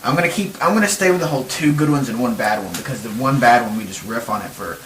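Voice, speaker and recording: A man's voice: medium pitch, lively intonation, fast. A young man hosting a podcast, chatting casually and joking about movies. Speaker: podcast host. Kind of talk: casual chat. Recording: echoey room, mic at a distance, faint hiss.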